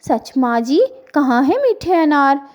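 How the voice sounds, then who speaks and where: A harsh, greedy mother-in-law sparrow from an animated storybook cartoon, as a woman narrator puts her on. She scolds in a high voice with a soft, mellow tone. She sounds bossy and sharp-tongued. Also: slow pace, full character voice. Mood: sweet-talking. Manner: harsh, sharp-tongued, whiny when faking tears.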